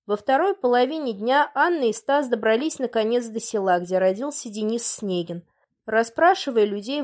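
Woman, audiobook narrator, measured storytelling, slightly high voice. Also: a little mellow.

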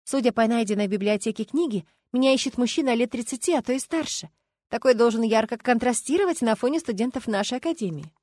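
A woman narrating a first-person audiobook in an expressive, lively reading style. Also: on the high side, fast talker, no room sound, studio quality.

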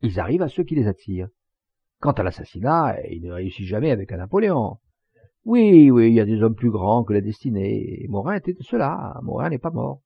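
A man reading an enthusiastic gentleman orator, gravelly. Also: fairly low pitch, big pitch swings, a little fast, no echo, exaggerated voice. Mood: declaiming. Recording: dull lo-fi dry recording.

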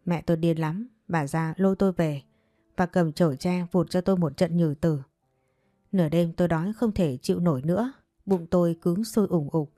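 A woman telling a first-person story in an even, steady, sorrowful manner. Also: on the low side, normal speed, no room sound. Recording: dry voice with faint background music.

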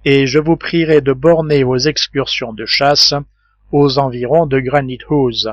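A man reading a calm, reasoning engineer. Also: medium pitch, unhurried, dry recording, dull audio, lightly acted. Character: calm, thoughtful male engineer and leader.

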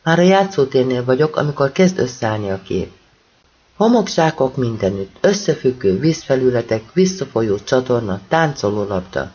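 A man's voice: medium pitch, expressive, a little mellow, breathy edge, lo-fi sound. A man reading a first-person audiobook with urgent, intense storytelling. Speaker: audiobook reader.

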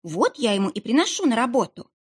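A young woman playing the fool in a high, whiny, trembling voice, as a woman reader puts her on. She rambles in a pitiful, childlike chatter, her pitch swooping up and down. The tone stays a little husky and breathy throughout this storybook reading. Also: big pitch swings, quick pace.

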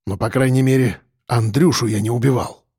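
A man's voice: a little high, animated, normal speed, a little mellow, dry recording, studio quality. A man voicing a nervous, evasive male police chief who talks defensively. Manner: defensive, muttering.

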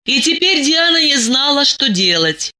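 A woman narrates an audiobook with expressive, lively storytelling. Her voice is high and bright. Her pitch moves freely. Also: unhurried.

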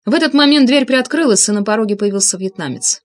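A woman narrating a first-person audiobook in an even, measured reading style. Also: on the high side.

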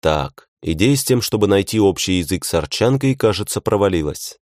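A young man reads a first-person fantasy audiobook in a low voice. His delivery is tense and wry, like an inner monologue. The sound is dry and close. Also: expressive, brisk, a little mellow, no room sound. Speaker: audiobook narrator.

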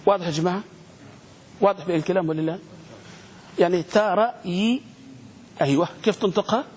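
A high-voiced man leads a grammar lesson, quizzing his class and drawing words out slowly. His voice rings through a reverberant room with a faint hiss underneath. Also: darkish tone. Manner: questioning students, spelling words out slowly. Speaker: Arabic grammar teacher. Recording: echoey room with long reverb, faint noise.

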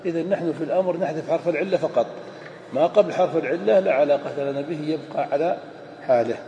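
A man's voice: a little high, quick pace, mellow, highs cut off. A man teaching a classroom grammar lesson, explaining step by step and answering his own questions. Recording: echoey hall, faint room noise.

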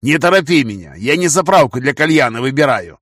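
A testy bespectacled man answers in a dry, sarcastic, unhurried way, as a man reading the audiobook does his voice. His voice sits in a middle range. The recording is close and dry. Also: mid-range voice, big pitch swings, a bit bright, dry recording, pitched above the performer's own voice.

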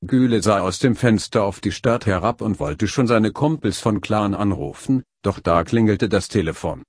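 A man reading a scripted story aloud as narrator, with a steady, even storytelling delivery. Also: lowish voice, normal speed, no room sound, studio quality.

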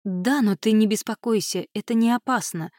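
A stern, guarded aunt who answers firmly and snaps back when cornered, voiced by a woman reading a novel. Her voice sits at a middle pitch, close and dry. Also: normal speed, a little mellow, no echo, close to an everyday voice. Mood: firm, harsh. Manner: firm, defensive, snapping. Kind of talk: audiobook character voicing.

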